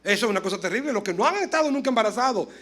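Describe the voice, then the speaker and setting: Male pastor, lively sermon, high pitch, loud and soft by turns. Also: very fast. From Dominican Republic. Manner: animated, swings between loud exclamations and soft asides; acts out dialogue in storytelling.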